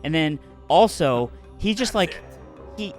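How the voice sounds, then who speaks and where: An animated man rambling through a casual podcast chat, swearing freely. His voice sits a little high and swings widely in pitch. Faint music plays underneath. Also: slow pace. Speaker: podcast co-host.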